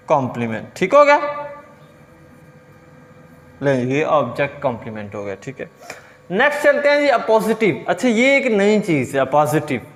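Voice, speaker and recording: High-voiced man teaching grammar in a hall. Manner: explains step by step, asking questions and answering them himself; reads English example sentences slowly and deliberately. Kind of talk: grammar lecture.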